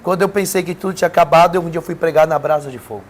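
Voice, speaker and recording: A man's voice: on the high side, very fast, a little hiss or hum. A Brazilian man, a preacher and podcast guest, telling an emotional personal testimony in an earnest, emphatic way. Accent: Brazilian Portuguese. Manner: earnest storytelling, emphatic with rising intensity.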